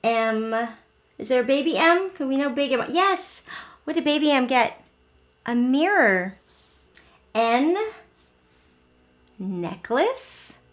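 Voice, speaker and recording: A high-pitched woman leads an interactive read-aloud for young children, using simple, expressive teacher talk and frequently pausing to ask the listener questions.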